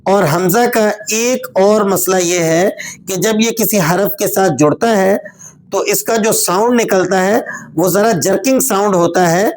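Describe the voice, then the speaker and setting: A woman teaching Quran reading. She spells out syllables slowly and drawn out, then explains the rules at a quicker pace. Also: medium pitch, a little mellow, a little hiss or hum. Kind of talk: step-by-step recitation lesson.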